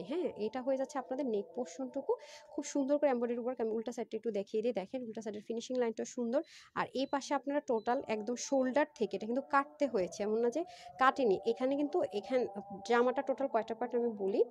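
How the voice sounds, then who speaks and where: Fast-talking woman selling clothes live. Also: a little high, slight background noise. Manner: chatty, persuasive, keeps asking "right?". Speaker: online clothing seller. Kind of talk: live-stream sales pitch.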